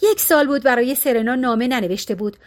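A woman reading a novel as an audiobook narrator, in a steady, measured manner. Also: on the high side. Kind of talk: scripted narration.

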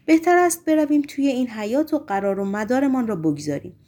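A woman's voice: a little high, animated, mellow, pitched above the performer's own voice. A woman reading the part of a haughty, cold young woman who answers curtly and with a bite. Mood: cool, haughty. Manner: cold, curt, biting.

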